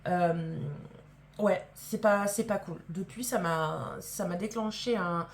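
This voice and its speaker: A woman's voice: on the low side, slow pace, a little hiss or hum. A woman vlogger telling a story to camera in a casual way. She is emphatic and indignant, swears freely, and acts out the people she quotes.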